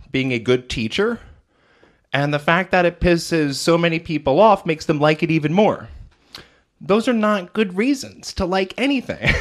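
A man co-hosting a casual movie review chat, opinionated and critical, with frequent fillers. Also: a little high. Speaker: podcast co-host reviewing films.

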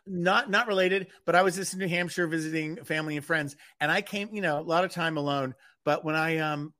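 A man's voice: fairly high pitch, fairly even intonation, fast, bright, forceful tone. A man hosting a radio show in casual chat, talking in a hesitant, wry and self-deprecating way.

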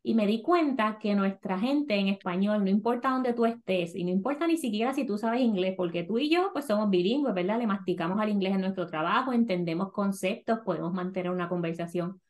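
This podcast host chats casually in Puerto Rican–accented Spanish at a medium pitch, dropping in English words here and there. She's lively and quick to break into laughter.

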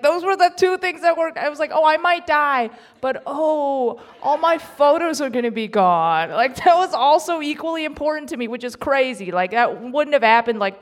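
A young woman comedian telling a self-mocking story on stage at a live event, chatty and laughing through her lines. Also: medium pitch.

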